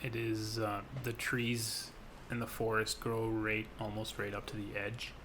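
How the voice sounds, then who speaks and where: A man narrating as game master of a tabletop role-playing game, describing scenes in a relaxed, descriptive way with some hesitations. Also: lowish voice, a little slow, a little hiss or hum.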